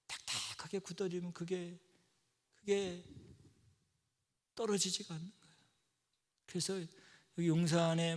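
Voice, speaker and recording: A middle-aged male pastor preaching a sermon, telling stories and acting out quoted voices, swinging from loud outbursts to soft whispers. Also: a little high, vocal fry. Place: church sanctuary. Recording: long church-hall reverb.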